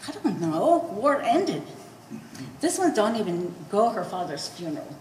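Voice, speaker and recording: A woman plays an old immigrant mother in a live stage play at an art gallery stage reading, in a reverberant hall with faint noise. Shrewd, quarrelsome and scornful, she argues in blunt broken English with a lively, swooping delivery, her mid-range voice keeping a measured pace.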